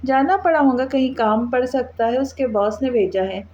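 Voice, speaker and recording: A soft-spoken middle-aged mother in a storybook reading, tender and loving, as a woman narrator plays her. The tone is mellow and fairly high, on a dull recording with faint hiss. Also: moderate pace, close to an everyday voice. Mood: gentle. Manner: gentle, affectionate.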